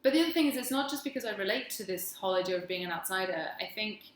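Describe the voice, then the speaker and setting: Rapid-fire and animated at a medium pitch, an English woman with a plummy accent vlogs straight to camera. She rambles with wry, self-deprecating humor, her voice echoing in a room with faint background noise.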